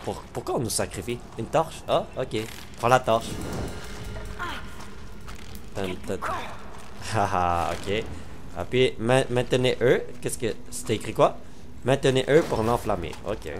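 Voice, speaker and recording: A man with a Québécois French accent narrates his gameplay, his pitch jumping all over as he exclaims and cracks jokes. Clear game sounds and noise run under his voice. He hums and sings little tunes to himself between remarks. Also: slow, pauses often. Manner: animated, exclaiming, joking, singing to himself. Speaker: gamer commentator. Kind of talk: let's play commentary.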